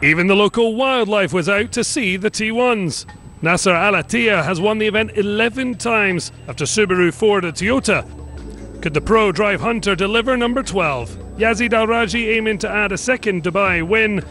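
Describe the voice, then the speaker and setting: A man narrates rally highlights in a measured, clear voice-over. His voice sits high for a man, and music plays behind him. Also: bright, forceful tone. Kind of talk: scripted sports narration.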